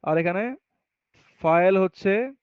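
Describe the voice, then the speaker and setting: A man with a fairly high voice teaches Arabic grammar patiently, one step at a time. He reads the example sentences slowly and answers his own questions as he goes. The sound is dry and close, with a dull, slightly muffled tone. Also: clean tone, no echo. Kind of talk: classroom grammar lesson.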